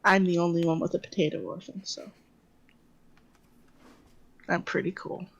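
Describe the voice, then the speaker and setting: A woman's voice: on the low side, steady tone, normal speed, gravelly, highs cut off. A woman playing a tabletop role-playing game, chatting casually with a dry, sardonic manner.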